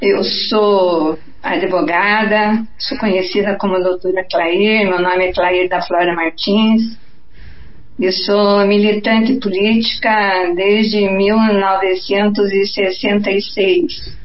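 Brazilian lady in her 70s, talks really slow, formal intro, dull roomy sound, brazilian portuguese accent. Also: medium pitch, little pitch movement. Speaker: guest lawyer and political activist. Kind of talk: formal greetings and self-introduction. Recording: echoey, dull, slightly noisy remote audio.

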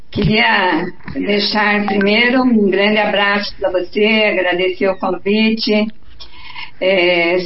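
A woman in her seventies with a Brazilian Portuguese accent, giving formal greetings and introducing herself as a guest. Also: medium pitch. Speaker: guest lawyer and political activist. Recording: echoey, dull, slightly noisy remote audio.

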